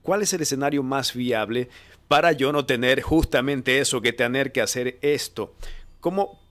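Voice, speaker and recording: A man's voice: mid-range voice, moderate pace, a bit bright. Casual man asking interview questions. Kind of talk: conversational interview.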